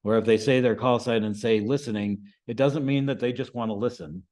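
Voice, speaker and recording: An American man with a medium-pitched, darkish, steady voice speaks fairly quickly as an amateur radio instructor. He gives an informal instructional presentation to a group, keeping it conversational and often checking in with short questions.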